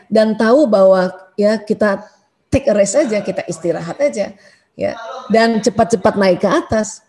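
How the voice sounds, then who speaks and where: A woman's voice: fairly high pitch, a little mellow. Chatty woman giving a parenting talk. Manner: chatty, frequent "ya" tags, acts out quoted voices. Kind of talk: religious study talk to parents.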